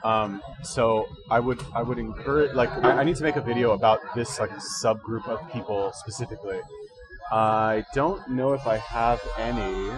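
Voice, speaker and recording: A man hosts a laid-back livestream, offering fitness and diet advice in rambling, slang-filled talk as he thinks aloud. He has only recently woken up and sounds slightly congested; his mid-range voice is fairly even and moderately paced, with a crowd in the background.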